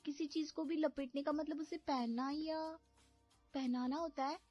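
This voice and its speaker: Naive cartoon bride, sweet and chatty, played by a woman, high voice over soft music. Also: steady tone, measured pace. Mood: innocent. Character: naive, literal-minded young bride. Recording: slightly dull audio with background music.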